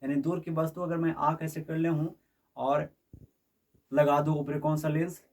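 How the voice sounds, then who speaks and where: A man with a fairly high, darkish voice teaches a physics class at a moderate pace, his pitch barely moving. He keeps quizzing his students with repeated questions to make sure they follow along. His voice is picked up from a distance.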